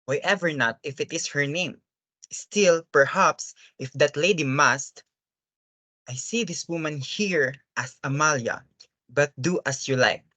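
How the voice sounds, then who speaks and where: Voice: medium pitch, a little slow, bright, forceful tone, no room sound. An earnest, troubled father from a stage play, as acted by a performer. He speaks formally and deferentially, hesitating and pleading. The sound is close and dry. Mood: hesitant, uneasy. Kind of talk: dramatic stage-play reading.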